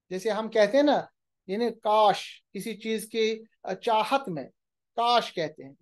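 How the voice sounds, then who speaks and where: A woman teaching a grammar lecture, explaining patiently and slowing down to recite example phrases carefully. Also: fairly high pitch, darkish tone. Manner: patient explaining, often checks in with "okay".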